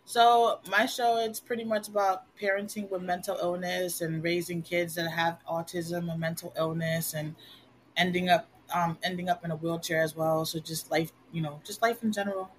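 Hosting a livestream, a woman from Puerto Rico rambles casually and animatedly, laughing a lot, her lowish voice moving at a moderate pace. Loud music plays in the background, and the rough recording carries a little hiss or hum.

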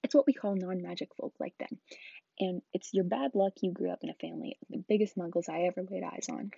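A woman voicing a huge, gruff, hot-tempered but kindly giant man from a storybook, with rustic speech and a booming growl when angered. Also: brisk, mellow, exaggerated voice. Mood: warm, proud. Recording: roomy, dull lo-fi home recording.

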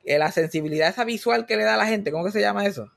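Puerto Rican male host, casual comic storyteller, slightly raised pitch. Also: very fast, vocal fry. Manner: animated comic storytelling, mixing in English words. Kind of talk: casual chat.

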